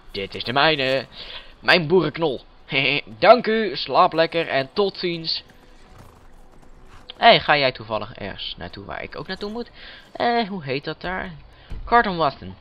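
A man's voice: fairly high pitch, lo-fi sound. A man giving playful, chatty commentary while playing a video game, joking with the characters. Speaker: let's play gamer. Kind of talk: casual gameplay commentary.

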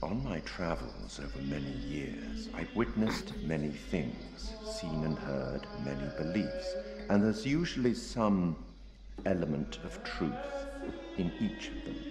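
An actor playing a mysterious, suave curator who narrates the game in a measured, wry way. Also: male voice, low voice, big-room sound, full character voice. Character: mysterious suave male curator, grave and knowing.

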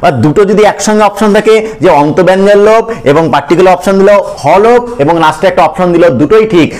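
A man's voice: sits high, quick pace, darkish tone. A man teaching a grammar lesson. He asks questions and answers them himself, calls the viewers friends and repeats the key points.

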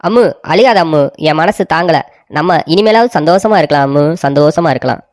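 A kind young husband from a cartoon story, tender and soothing toward his wife. A woman plays him. He speaks quickly and gently. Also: low voice, expressive, no room sound, studio quality. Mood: comforting. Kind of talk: cartoon voice acting.

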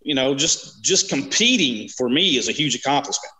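An easygoing man in his thirties from Kentucky chats on a video call, pausing often with "uh" and "you know". His voice is bright and forward, at an ordinary pitch for a man. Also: expressive, rough recording. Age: 30s. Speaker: interview guest, strongman competitor. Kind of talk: casual video-call interview. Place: small home room. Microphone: webcam on video call.

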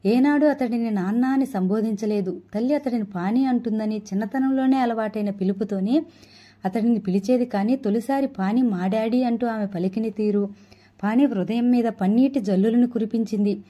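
A woman narrating a story with a steady, expressive reading. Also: a little high, moderate pace.

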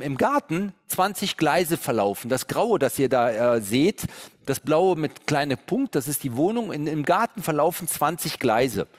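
A middle-aged man coaching on real estate investment, telling stories and working through figures on slides while humming as he thinks. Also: fairly high pitch. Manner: animated storytelling, thinking aloud with hums. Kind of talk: seminar talk with slides.

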